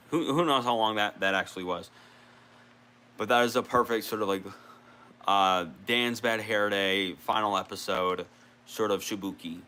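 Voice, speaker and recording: A man's voice: low voice, sharp tone. A man rambling casually on a gaming vlog, restarting sentences and swearing now and then. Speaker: video creator.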